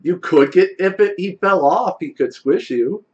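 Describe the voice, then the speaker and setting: A man narrating a casual tabletop game as game master, expressive and conversational. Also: high-pitched, normal speed, dull audio.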